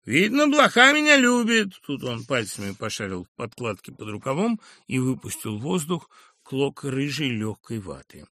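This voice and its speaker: A man narrating a literary audiobook in a measured, expressive storytelling manner. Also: medium pitch, dry recording.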